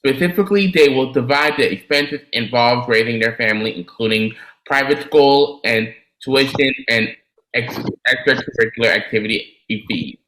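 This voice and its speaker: A man's voice: mid-range voice, moderate pace, pushed and bright, echoey room, low-quality recording. A man co-hosting a podcast, reading a news story aloud with stumbles and corrections. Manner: reads with stumbles and self-corrections. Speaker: podcast co-host presenting topics.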